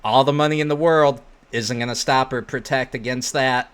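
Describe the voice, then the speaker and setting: A man's voice: medium pitch, fairly even intonation, moderate pace, fairly bright tone, clear, resonant tone. A man hosting online reaction commentary, reading posts aloud and giving opinions in casual, slangy speech.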